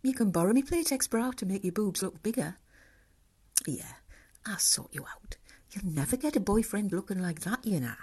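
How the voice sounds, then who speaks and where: A woman's voice: mid-range voice, lively intonation, normal speed, a little mellow, husky. A woman playing a catty, bossy young friend who mocks and teases. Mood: mocking. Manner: mocking, bossy.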